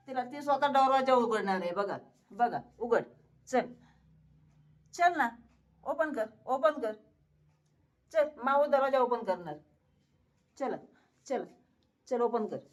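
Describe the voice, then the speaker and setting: A woman, chatting to viewers and coaxing her cat at home, laughing often. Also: sits high. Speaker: pet vlogger. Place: home, at a door to the terrace.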